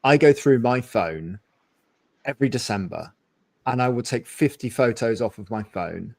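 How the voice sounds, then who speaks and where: A man's voice: mid-range voice, expressive, moderate pace, creaky, darkish tone, no room sound. A man in his thirties or forties hosting a live webinar interview, talking enthusiastically and at length with many restarts. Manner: enthusiastic, talkative, rambling with restarts. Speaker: webinar host. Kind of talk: casual conversational interview. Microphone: video call.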